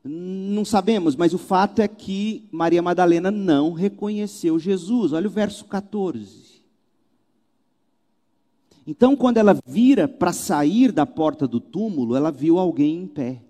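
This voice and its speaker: Mellow-voiced pastor preaching in a hall. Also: male voice, sits high, unhurried. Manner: animated, rhetorical questions and wry asides. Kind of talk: sermon. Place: church pulpit.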